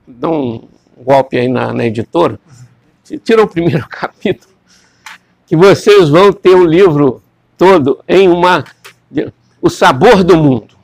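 Man, classroom lecturer, discursive, gravelly, dry close sound. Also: a little high, no echo. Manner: discursive, repeats words, asks students questions.

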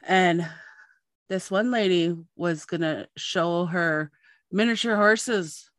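Animated woman telling a story. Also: fairly low pitch, slow, no echo. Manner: animated storyteller, acts out quoted voices. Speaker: podcast host and journalist. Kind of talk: casual storytelling chat.

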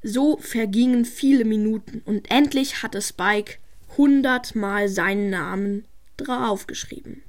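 A woman's voice: fairly high pitch, measured pace. A girl narrating an improvised toy story and hosting her channel, stumbling over repeated syllables.

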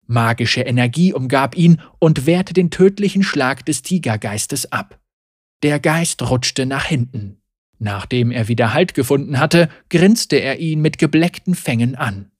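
Male narrator, fantasy story, measured and grave, husky voice, dry close recording. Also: medium pitch, animated, no room sound.

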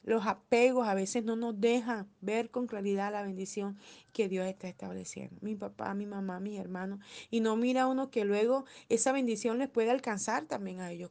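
A woman's voice: medium pitch, gravelly, a little mellow. A woman preaching a sermon, telling stories with frequent filler words.

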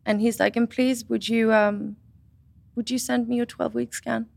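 A woman in her twenties chatting casually, telling a personal story with animated retellings of what others said. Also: on the high side, normal speed, gravelly, dry recording. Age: 20s. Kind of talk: casual chat.

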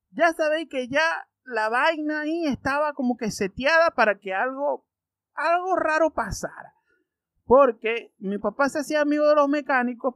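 A man with a Maracucho Venezuelan accent telling crude comedic stories as a vlogger, animated and profane, with sudden loud outbursts. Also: very high voice, dry recording, clean studio sound. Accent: Maracucho Venezuelan Spanish. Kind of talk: comedic storytelling.

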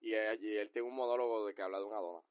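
Relaxed man reviewing films. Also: lowish voice, very fast, no echo. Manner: relaxed, mixes English slang into Spanish. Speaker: podcast co-host. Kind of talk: casual film review chat.

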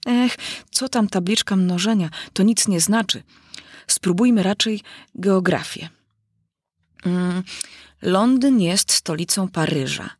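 A woman's voice: medium pitch, takes it slowly, darkish tone, husky, no echo, studio quality. A woman reading aloud, voicing a curious, fretful little girl who wonders aloud with dramatic sighs. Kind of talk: storybook reading.

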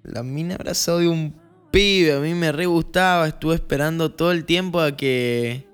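A young man with an Argentine Spanish accent telling a casual storytime monologue, acting out the scenes with lively jumps in his voice. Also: normal speed, clear, resonant tone, faint music behind. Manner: animated, acts out scenes with rising pitch.

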